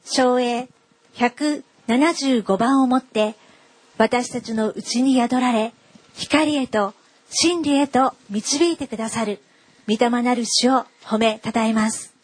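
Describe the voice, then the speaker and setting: A woman leads worship with a fairly high, slightly husky voice. She reads scripture at a slow, measured and formal pace. The sound is dry and close. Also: no room sound. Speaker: worship leader. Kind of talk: liturgical reading.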